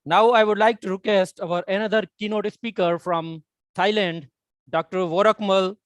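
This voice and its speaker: A man's voice: sits high, steady tone, normal speed, no echo, studio quality. A man speaking as a conference host, making formal, courteous announcements.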